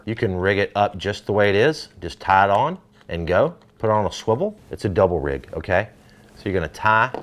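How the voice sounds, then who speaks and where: A middle-aged man, hosting a fishing gear demo in an energetic, salesy way. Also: low voice. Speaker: fishing show host. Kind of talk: product demo talk.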